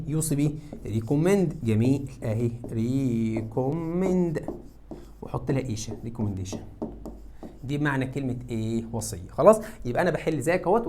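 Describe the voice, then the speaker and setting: A man with an Egyptian Arabic accent teaching English to high school students, who asks questions and answers them himself. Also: darkish tone, a little hiss or hum. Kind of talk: classroom lesson explaining exam answers.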